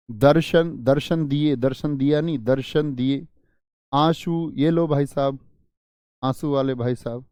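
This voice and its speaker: A male teacher giving an exam-prep grammar lesson, stressing and repeating example words in a drawn-out way. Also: a little high, a little mellow, no room sound, studio quality.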